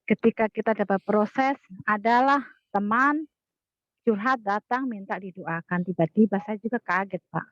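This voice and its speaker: A woman in an online class telling a personal testimony in an earnest, halting way, often repeating herself, over a video call. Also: medium pitch, no room sound, highs cut off.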